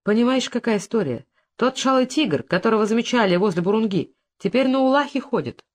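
A reader voicing a friendly local man explaining something in confidence, earnest and unhurried. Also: medium pitch, lively intonation, pitched above the performer's own voice, lightly acted. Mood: confiding.

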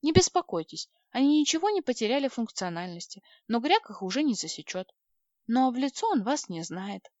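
A woman reading an audiobook voices a polite, shy male alien who speaks softly and precisely, on a dry, slightly dull recording. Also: on the high side, sing-song, a little fast, no room sound, pitched above the performer's own voice. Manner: soft-spoken, courteous, precise.

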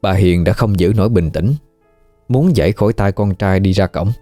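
A man narrating a horror story in a measured, even storytelling manner. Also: low-pitched, dry recording, faint music behind.

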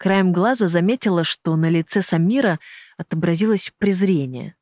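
Brief: steady audiobook narrator, mid pitch, dry close mic. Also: normal speed, no room sound. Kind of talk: scripted narration.

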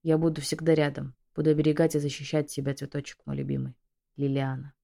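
A tender male dragon general, voiced by a woman narrator, speaks in a lowered, husky hush. His devotion sits in every word of this fantasy audiobook, and the voice stays deep and soft throughout. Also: monotone, quick pace. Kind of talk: audiobook character voice.

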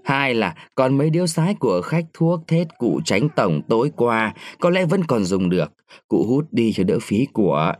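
Expressive male storyteller, dry sound. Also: mid-range voice, normal speed, dry recording. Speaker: story reader. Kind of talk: reading a short story aloud.

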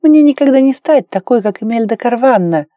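An insecure young heroine, once a warrior, speaking in a self-mocking way, as a woman reader voices her. The tone is mellow and slightly low, recorded dry and close. An audiobook character in a near-natural voice. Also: expressive, a little fast, no echo, lightly acted. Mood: self-deprecating.

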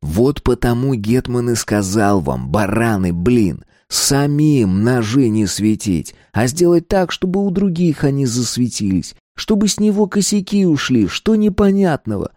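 Guy reading as a cocky teen boy, slow deliberate bluff, jumpy pitch. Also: very animated, mellow, no echo, studio quality. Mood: indignant.

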